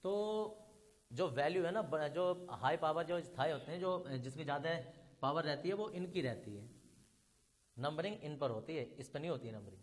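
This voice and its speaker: A man's voice: a little high, animated, normal speed. A man teaching a chemistry class, explaining step by step and speaking directly to his students. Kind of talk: classroom lecture.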